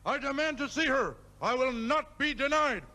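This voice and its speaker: Very old man, very high for a man, crotchety, pompous, puppet comedy heckler, noisy old TV sound. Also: lively intonation, moderate pace. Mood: indignant. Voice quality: aged, grumbling old-man voice. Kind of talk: puppet comedy character acting.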